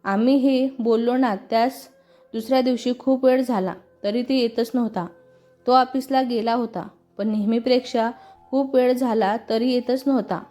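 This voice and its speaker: A woman's voice: a little high, steady tone, moderate pace, warm tone, soft background music, close to an everyday voice. A woman voicing a young woman who tenderly confides her grief over her late father, in a storybook reading. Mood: grieving. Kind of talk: storybook dialogue.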